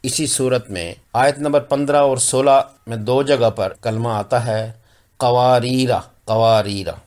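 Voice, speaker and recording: Guy from pakistan teaching recitation rules, talks real slow, says each word over and over. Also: medium pitch, darkish tone. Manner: repeats words slowly and deliberately for practice. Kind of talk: slow explanatory lesson with recited examples.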